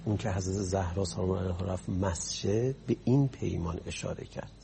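A man's voice: low-pitched, creaky, background noise. A man preaching a sermon, telling stories in a conversational way that rises to impassioned emphasis. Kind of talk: storytelling sermon.

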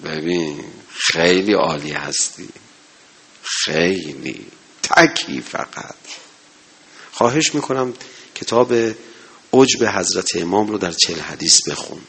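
A man preaching a sermon to a gathering, impassioned, swinging between loud exhortation and low murmurs. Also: lively intonation, slightly rough. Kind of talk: religious sermon.

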